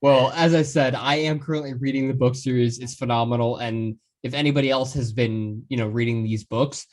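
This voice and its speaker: A man's voice: medium pitch, steady tone, fairly quick, a little mellow. A man hosting a casual podcast interview, enthusiastic and full of praise, often stumbling and restarting his words.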